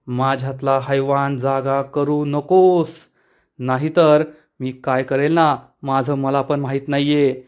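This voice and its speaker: A man voicing a threatening middle-aged village man who gives slow, menacing warnings. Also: mid-range voice, fairly even intonation, a little mellow, smooth, lightly acted.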